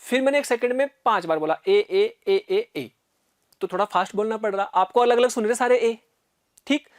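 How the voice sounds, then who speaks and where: A man's voice: very high-pitched, fast talker, no echo. Male physics teacher, patient, checks in with students a lot, dry recording. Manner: explains step by step and often checks in with "है ना" and "ठीक है"; repeats sounds aloud to demonstrate. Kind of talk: recorded classroom lecture.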